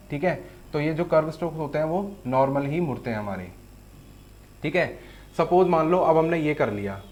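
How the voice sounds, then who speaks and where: A man's voice: fairly high pitch, a little mellow, a little hiss or hum. A man teaching shorthand in an online lesson, patiently explaining each stroke step by step. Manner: patient, explains step by step with frequent "theek hai". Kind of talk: online lesson with board demo.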